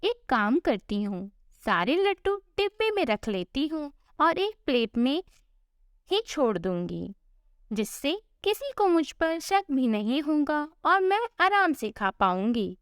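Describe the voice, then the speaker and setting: A woman voicing a greedy, scheming young daughter-in-law in a storybook tale, speaking in a lower, sly tone. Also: sing-song, slow pace, no room sound, studio quality, heavily acted.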